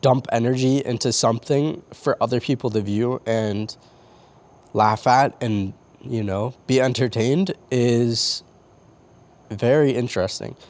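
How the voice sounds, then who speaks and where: A man's voice: mid-range voice, darkish tone. Young guy rambling on a roof at 3am, kinda choked up, lots of restarts and swearing. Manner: halting, restarts often, swears casually. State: tearing up. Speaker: vlogger. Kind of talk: late-night confessional vlog. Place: on a roof outdoors.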